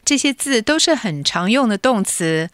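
A woman's voice: a little high, very animated, moderate pace, a bit bright, no room sound, clean studio sound. A woman teaching a scripted bilingual vocabulary lesson, enunciating carefully and acting out example sentences.

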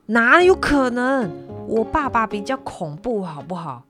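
A woman voicing a loud, argumentative little boy who insists on his point. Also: low voice, lively intonation, measured pace, over music. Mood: indignant.

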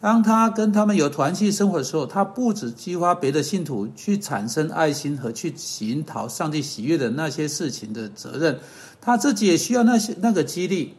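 A man giving an earnest sermon-style podcast teaching that closes in prayer, pausing on fillers and correcting himself as he goes. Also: fairly high pitch, animated. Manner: earnest, measured, with hesitant fillers and self-corrections.

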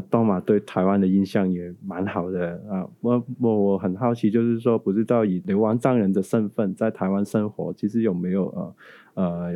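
A man's voice: lowish voice, warm tone, no room sound. A man hosting an interview, asking his questions in a tentative, roundabout way. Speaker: interviewer, host.

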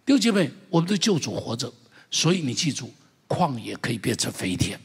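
Fervent husky-voiced male pastor preaching. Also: medium pitch, very animated, a little fast. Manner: fervent preaching with loud exclamations, urging the congregation to repeat. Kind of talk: impassioned sermon. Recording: long church-hall reverb.

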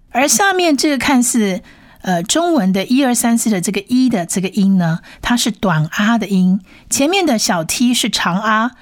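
A woman teaching a language lesson who patiently repeats each sound slowly several times. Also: medium pitch, dry recording, studio quality.

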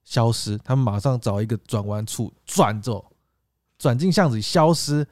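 A man's voice: mid-range voice, moderate pace, no room sound, studio quality. A man with a Taiwanese Mandarin accent, co-hosting a podcast and telling a story in a casual chat, acting out the people he quotes. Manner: animated, acts out quoted voices. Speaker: podcast co-host.

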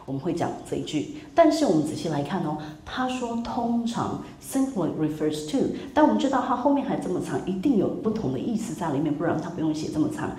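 A woman lectures a university class in a lively, story-filled way, putting questions to the students and dropping in English words. Her voice sits fairly low, with a mellow, dark tone. The lecture hall around her rings with echo, and a faint hiss lies underneath. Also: fast, few pauses. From Taiwan. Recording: echoey lecture room with faint noise.

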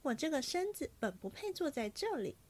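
A woman reading aloud and voicing a fiery, sharp-tongued young maid with quick, petulant retorts. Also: high-pitched, big pitch swings, voice pushed up. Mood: teasing.

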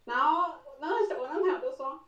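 A lively podcast co-host, a woman, tells a story with a lot of laughter. Her voice sits a little high. She sounds distant from the mic, in a room with plenty of echo. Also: quick pace, lo-fi sound. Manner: animated, laughing often, acting out quoted lines. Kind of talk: casual storytelling chat. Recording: roomy echo, voice set back from the mic.

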